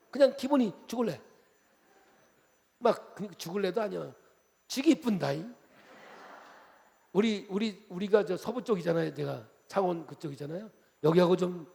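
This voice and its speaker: A man preaching a revival sermon in a high, gravelly voice. His delivery is animated and jokey, dropping soft then rising loud. A long reverb trails each phrase, as in a church hall. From Chungcheong, Korea. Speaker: pastor.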